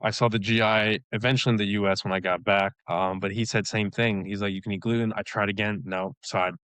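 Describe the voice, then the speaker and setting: A man with a lowish voice recounts his experiences in a relaxed, rambling way, dotting his talk with fillers and quick laughs. The sound is close and dry, with no room around it. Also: clean tone, no room sound. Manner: relaxed storytelling, many "like" fillers, laughs often. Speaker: guest, elite runner. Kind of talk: casual interview chat.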